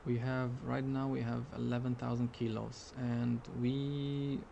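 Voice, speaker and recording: Male sim streamer, flat delivery with some fry, hesitant thinking-aloud commentary over faint noise. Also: mid-range voice, measured pace, highs cut off. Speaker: flight sim streamer playing airline pilot.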